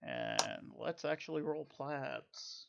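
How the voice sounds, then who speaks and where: A man running a tabletop role-playing game as game master, thinking aloud in an unhurried way. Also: on the high side, wildly swooping pitch, gravelly, a bit bright, dull audio, a little hiss or hum.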